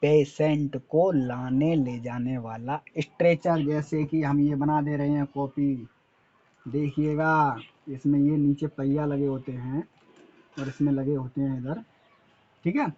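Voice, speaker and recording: A man's voice: on the high side, steady tone, measured pace, warm tone, lo-fi sound. A male teacher with a Hindi accent giving an English lesson, spelling words letter by letter and asking and answering his own quiz questions. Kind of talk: spoken-English lesson at a board.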